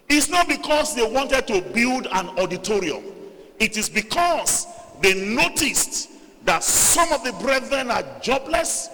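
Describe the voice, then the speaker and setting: In an echoing church hall, a Yoruba preacher from Nigeria delivers his sermon with force, building to loud, stressed phrases and then falling low again, the recording full of the hall's reverb.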